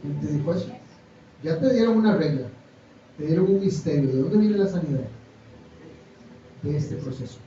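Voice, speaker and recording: A pastor preaching a sermon, firing rhetorical questions and reading scripture aloud. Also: male voice, on the high side, lively intonation, normal speed, pauses often, warm tone, faint music behind. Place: church hall. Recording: distant echoey church recording, dull.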